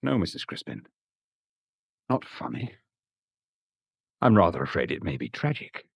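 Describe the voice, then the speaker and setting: Inspector Purbright, husky, low English detective. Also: male voice, very animated, no echo, dull audio, exaggerated voice. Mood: probing, grave. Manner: measured, dry, precise. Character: shrewd, dry, courteous English police inspector. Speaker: radio drama actor. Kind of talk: radio drama acting.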